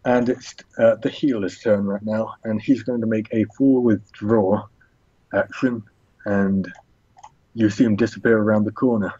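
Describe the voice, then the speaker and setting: A low-voiced man with a husky, mellow tone, narrating a tabletop game as game master. He talks in a relaxed way, pausing and thinking aloud. The sound is dry and dull, like a lo-fi recording. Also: no echo.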